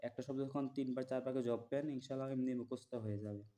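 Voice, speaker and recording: A man teaching listeners to memorize prayers, chanting each word slowly and repeating it, then explaining plainly and checking that they follow. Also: mid-range voice, steady tone, dark tone. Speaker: religious teacher.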